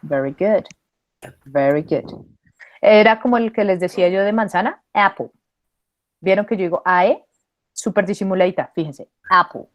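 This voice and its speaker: A woman leads an online English pronunciation class, slowly sounding out vowels for learners to repeat. She moves easily between English and Spanish in a mid-pitched, ordinary speaking voice. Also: no room sound, muffled recording. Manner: patient, models sounds slowly and repeats them. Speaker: English teacher.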